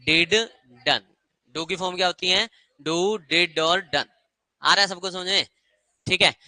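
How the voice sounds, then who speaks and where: A man with a high, sharp voice teaches English grammar to a class, quizzing students with many short questions and drilling them through call-and-response repetition of rules aloud. There's no echo.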